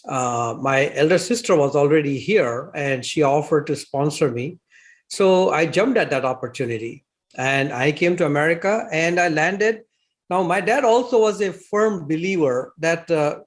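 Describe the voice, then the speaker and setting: A man in his sixties with an Indian accent, a guest telling his life story in an interview, chuckling now and then between thoughtful, filler-laden phrases. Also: fairly high pitch. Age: 60s.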